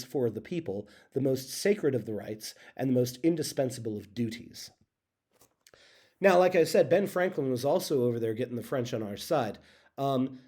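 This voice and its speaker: Teacher type: man, mellow and loose, lots of ums and restarts. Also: mid-range voice. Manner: casual, halting, with many fillers and self-corrections. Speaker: history teacher. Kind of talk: recorded classroom lecture.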